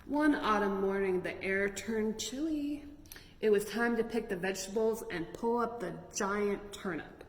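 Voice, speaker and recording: Her voice is mid-range and unhurried as she hosts storytime for children, reading picture books expressively and adding chatty, exclaiming remarks to the listeners. Noticeable noise and heavy echo fill the reverberant room.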